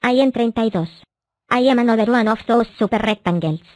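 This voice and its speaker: A young woman voicing characters for a fan cartoon in a bright, playful manner, recorded at home on a webcam. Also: on the high side, quick pace, no room sound.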